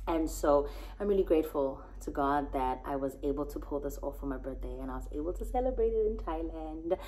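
A woman in her twenties vlogging casually to a phone camera in a hotel room, chatty and animated, with bursts of excitement. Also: sits low, fairly quick, low-quality recording. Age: 20s. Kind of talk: casual vlog chat to camera. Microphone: phone camera at arm's length.

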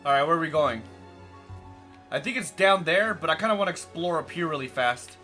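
A young man chats through a video game. His voice is high and his manner excitable and playful, with game music behind. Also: a little fast. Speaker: gaming video host. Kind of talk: casual gameplay commentary.

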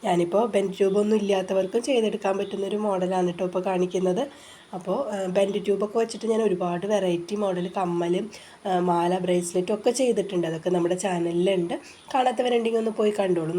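Fast-talking woman with a stuffy head cold. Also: medium pitch, fairly even intonation, mellow, slight background noise. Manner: chatty, patient instructing with frequent filler sounds. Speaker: craft channel host. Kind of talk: casual step-by-step craft tutorial. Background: rain outside.

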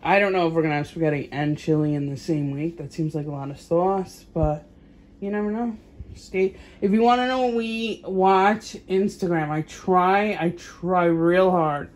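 A woman's voice: fairly low pitch, dark tone. A woman vlogging casually at home as a mom, chatty and rambling, thinking aloud with fillers as she goes. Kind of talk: casual grocery haul chat.

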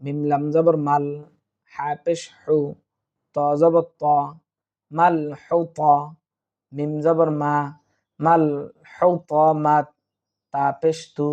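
A man's voice: a little high, flat delivery, slow pace, pauses often, mellow, highs cut off. A man teaching Quran reading. He spells out each letter and vowel mark one at a time, then chants the joined verse, speaking patiently to his students. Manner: patient, addresses students directly.

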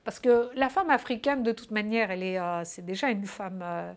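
A woman's voice: mid-range voice, expressive, normal speed. A woman answering interview questions in a casual, hesitant way, with many fillers and restarts. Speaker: interview guest.

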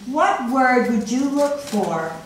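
A woman's voice: high voice, lively intonation, slow, a little hiss or hum. Angry woman in an echoey chamber. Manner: confrontational, accusing. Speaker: citizen speaking at public comment. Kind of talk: public comment at a council meeting. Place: wood-paneled council chamber. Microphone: room mic at a speaker's podium, from a far camera. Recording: very echoey chamber heard from a distance.

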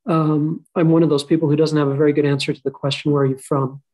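A man's voice: a little high, little pitch movement, fast, darkish tone, rough recording. A man who grew up in Qatar, speaking as an author on a panel over a video call, thoughtful and self-deprecating. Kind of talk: panel discussion. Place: home room. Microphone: video call webcam.

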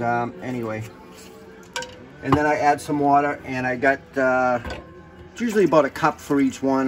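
A man's voice: fairly high pitch, rough recording. Rambling, profane cooking host, a man. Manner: rambling, joking, swears freely, drifts into stories. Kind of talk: casual cooking demonstration chat.

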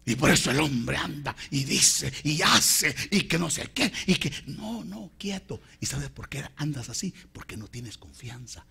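A man preaching a sermon, calling his listeners brother and swinging between shouts and whispers. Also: medium pitch, animated, normal speed, vocal fry, few pauses, slightly rough. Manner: addresses listeners as hermano.

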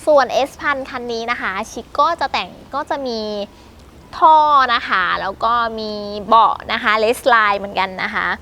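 Woman, northeast Thai biker, casual and polite interviewee, bright, slightly high voice. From Khon Kaen, northeast Thailand. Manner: chatty and polite, heavy use of soft polite particles, quick laughs. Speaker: motorbike vlogger interviewee.

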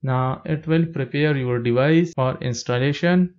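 A man narrating a step-by-step tech tutorial as a plain, steady voice-over. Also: mid-range voice, measured pace, muffled recording.

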